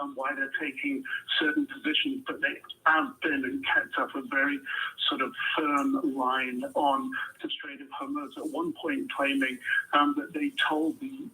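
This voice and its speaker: Male field correspondent, bright creaky tone, lively pitch, live hit with many restarts. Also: poor audio. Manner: measured, hesitant with many restarts. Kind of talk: live news report. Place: press conference venue.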